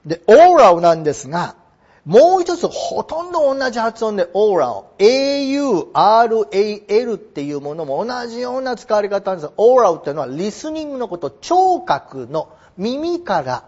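A middle-aged man explains English phrasing in a polite, roundabout lecture style with plenty of fillers. His voice sits high and swings widely in pitch, with a husky edge. The recording is dull and lo-fi. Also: big pitch swings, moderate pace, darkish tone. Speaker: English teacher.

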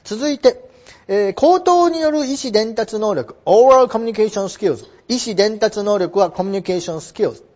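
A man's voice: high voice, animated, normal speed, darkish tone. A middle-aged man teaching English vocabulary in a polite, explanatory way, full of fillers and small digressions. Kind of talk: lecture on English phrasing. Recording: dull lo-fi recording.

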